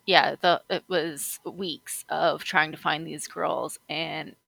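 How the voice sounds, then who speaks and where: Podcast guest, a woman from Canada, lowish and bright voice, dry sound. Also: steady tone, takes it slowly, vocal fry, no room sound. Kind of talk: casual podcast chat.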